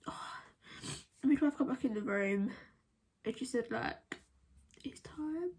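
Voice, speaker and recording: A woman telling a personal story to camera while crying and trying to hold back tears, halting and breaking into whispers. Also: fairly high pitch, a little mellow, a little hiss or hum. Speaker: vlogger.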